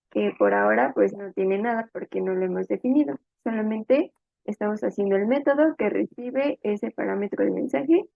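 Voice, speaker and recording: A programming instructor with a fairly high, creaky-edged voice narrates a step-by-step tutorial while typing, thinking aloud and explaining each move informally. The recording is dry, narrow, and phone-like, with very little room sound.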